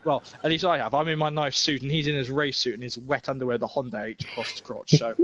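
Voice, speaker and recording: Casual esports race commentary comes from a young man who jokes around, rambles, and uses plenty of fillers while seeming slightly sick and breathless. His fairly bright, mid-range voice moves quickly with fairly even intonation, heard over dull lo-fi stream audio.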